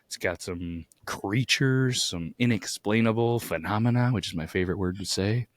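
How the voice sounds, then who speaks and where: A man with a hoarse, grating voice from too much yelling, chatting casually as a podcast co-host. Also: on the low side, moderate pace, no echo, studio quality.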